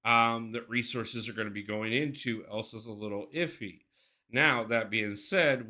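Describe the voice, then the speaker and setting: A man's voice: lowish voice, bright, forceful tone. A man live-streaming a mobile game, chatting casually, thinking aloud and greeting his viewers by name.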